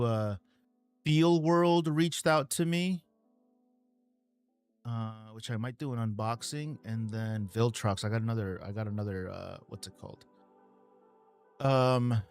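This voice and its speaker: A man hosting a casual live stream, answering viewer questions in a relaxed way with many ums and uhs. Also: medium pitch, measured pace, long pauses, clear, resonant tone, soft background music.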